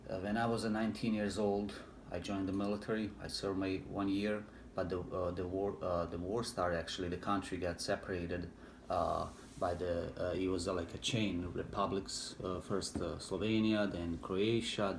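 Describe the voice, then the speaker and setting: Low-voiced Bosnian man, halting speech. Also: steady tone, vocal fry. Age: middle-aged. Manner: halting, many fillers and restarts, broken English. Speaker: interviewee, war veteran. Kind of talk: personal recollection, hesitant. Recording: echoey room with faint background noise.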